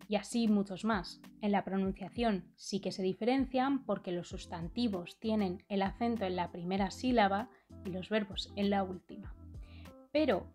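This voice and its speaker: A young adult woman with a Spain Spanish accent, explaining a language lesson clearly and steadily, with playful asides. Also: mid-range voice, warm tone. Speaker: language educator and video host.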